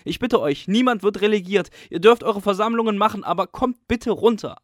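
A man reading a story, voicing a panicked male school head who shouts and pleads out of breath. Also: high voice, brisk, no echo, studio quality, pitched above the performer's own voice, lightly acted. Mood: pleading.

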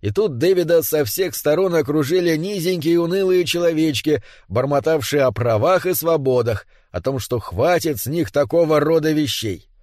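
A man narrating a storybook in an expressive, measured manner. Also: on the high side, dry recording, studio quality. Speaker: audiobook narrator.

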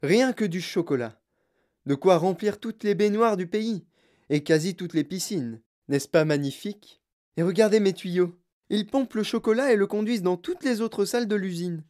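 A woman voicing an excitable, eccentric man who proudly shows off his chocolate factory in an audiobook reading. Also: mid-range voice, normal speed, voice pushed up, natural voice. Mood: boastful excitement. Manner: exclamatory and boastful, showing off.

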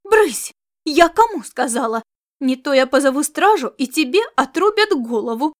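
A woman voices a jealous, bossy queen in a storybook. The queen shrieks her orders in a high, loud voice. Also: big pitch swings, moderate pace. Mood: furious. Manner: shouting, commanding. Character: jealous shrill queen, wife.

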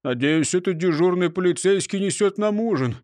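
A man's voice: sits high, animated, normal speed, a little mellow, no room sound, studio quality. A man voicing a hungry, whiny robber who complains about food.

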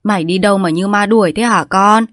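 Woman doing a gentle caring village mother. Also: medium pitch, brisk, no echo, studio quality, lightly acted.

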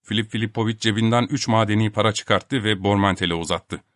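A man narrating an audiobook in a measured storytelling manner. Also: lowish voice, fairly even intonation, a bit bright, dry recording, studio quality. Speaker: audiobook reader. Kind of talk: scripted narration.

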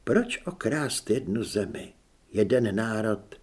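A male audiobook narrator voicing a bold, cunning young high priestess who speaks in a calm, persuasive way. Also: husky. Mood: scheming. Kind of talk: audiobook character reading.

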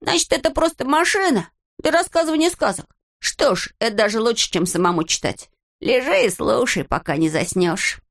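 A woman voicing a boastful, stubborn little gnome boy in an audiobook, in a high, excitable and defensive voice. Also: normal speed. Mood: pleased. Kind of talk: audiobook character voice.

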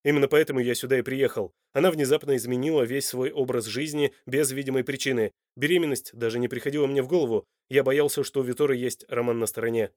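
A man's voice: mid-range voice, fairly even intonation, quick pace, hardly any pauses, no room sound, clean studio sound, lightly acted. A man voicing a hot-tempered, demanding son. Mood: angry. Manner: loud, sharp, demanding.

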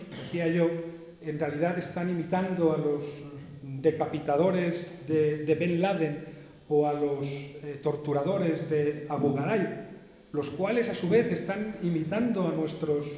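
A man's voice: on the high side, dark tone. Reflective man lecturing in an echoey hall. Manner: measured, rhetorical, with hesitations and repeated questions. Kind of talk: philosophical lecture. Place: seminar hall. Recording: echoey hall, distant reverb.

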